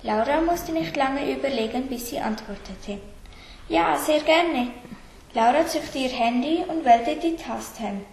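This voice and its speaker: A woman reading a children's story aloud in a steady, plain way. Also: high-pitched, normal speed, few pauses. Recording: roomy echo, faint background hiss.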